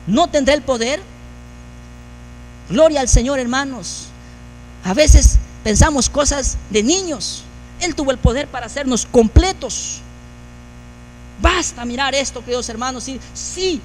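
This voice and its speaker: A man's voice: very high voice, normal speed, a little hiss or hum. A man preaching a sermon as pastor, building emphasis through repeated phrases. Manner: preaching with rising, emphatic repetition.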